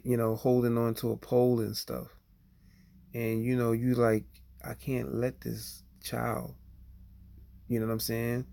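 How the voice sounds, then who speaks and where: A man's voice: medium pitch, vocal fry, darkish tone. A man talking bluntly to viewers in a rambling casual livestream monologue, leaning on "you know" and "okay?" as he goes.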